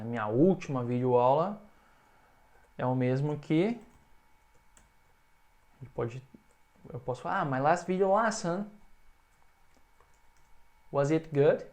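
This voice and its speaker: Speaking at a medium pitch, a Brazilian Portuguese-accented man runs an English video lesson, drawing out sample phrases so the learner can say them back.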